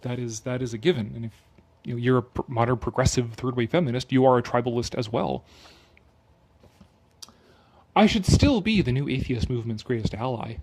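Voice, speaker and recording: A man with a medium-pitched, somewhat mellow voice talks at a quick pace. He performs a sarcastic dramatic reading of an article, pausing to add his own casual, opinionated, mocking commentary laced with swearing.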